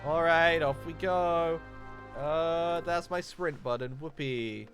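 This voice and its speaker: A man's voice: on the high side, slow pace, a bit bright, soft background music. Give me a man casually commentating his gameplay stream, thinking aloud.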